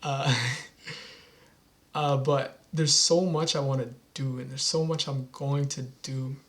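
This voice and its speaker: A man's voice: medium pitch, fairly even intonation, takes it slowly. A young man in a casual talking-head vlog, speaking earnestly and rambling with frequent restarts as he motivates himself. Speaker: vlogger.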